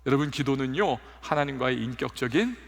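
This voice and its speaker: Animated, gravelly male preacher in a reverberant church. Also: medium pitch, a little fast. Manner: animated storytelling with acted quotes. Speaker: pastor. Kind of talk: sermon. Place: church sanctuary. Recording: long hall reverb.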